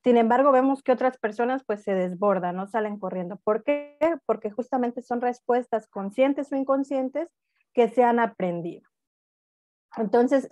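A woman's voice: a little high, warm tone, no room sound. A woman gives an online lecture over a video call, explaining step by step and often checking in with tag questions. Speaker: speaker at a university talk.

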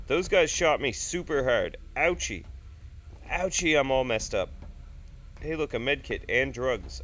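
Speaking at medium pitch with a fairly bright tone, a gaming YouTuber in his thirties jokes and rambles through casual let's play commentary at his home desk. Blocked sinuses make him sound sick and nasal, and he swears freely.

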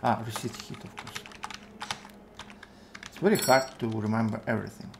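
A man in his twenties with a Russian accent, thinking aloud in halting fragments as he gives casual live game commentary. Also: on the low side, gravelly, noisy background. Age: 20s. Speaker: game streamer. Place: indoor room at a computer. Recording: music behind the voice. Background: music, keyboard typing.

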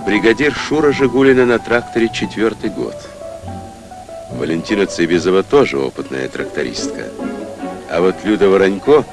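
Deep-voiced man narrating an old newsreel. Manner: formal announcer delivery, reading out names and jobs. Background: music.

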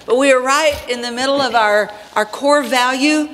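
High-voiced woman speaking in a church hall. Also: normal speed, a bit bright. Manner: playful, teasing banter. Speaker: co-pastor. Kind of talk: church announcements and teaching. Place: large church sanctuary.

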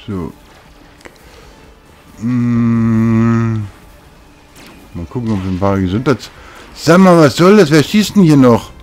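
Speaking slowly with long pauses, a man with a medium-pitched, darkish, expressive voice comments casually on the video game he's playing. He's a chatty let's play host who mutters to himself, with game music behind him.

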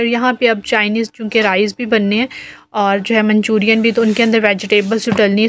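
Flat-toned Pakistani woman vlogging. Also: mid-range voice. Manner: chatty, filler-heavy, step-by-step explaining. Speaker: home vlogger. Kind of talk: casual voice-over narration.

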